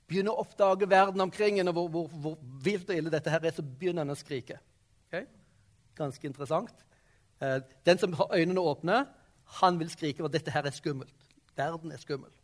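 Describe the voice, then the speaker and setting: A man leading a classroom discussion, asking the students questions and checking in with them often. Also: sits high. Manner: questioning, prompting the class with frequent "sant?" and "ok?". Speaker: teacher.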